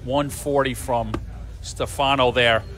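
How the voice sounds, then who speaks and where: A man's voice: mid-range voice, steady tone, slow, fairly bright tone, a little hiss or hum. A man giving live sports commentary on a darts match.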